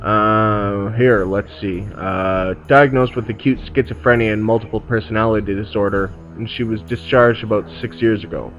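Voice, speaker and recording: A man's voice: fairly low pitch, steady tone, moderate pace, few pauses, fairly bright tone, lo-fi sound, faint music behind, close to an everyday voice. A man voicing a dry, teasing friend who works as a records clerk. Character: joking middle-aged male records clerk friend.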